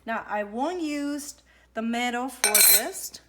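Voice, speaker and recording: A woman's voice: a little high, expressive, takes it slowly, heavy background noise. A woman from Ecuador, a nutritionist giving a chatty cooking demonstration in her home kitchen and searching for words as she goes. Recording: echoey kitchen with dish clatter.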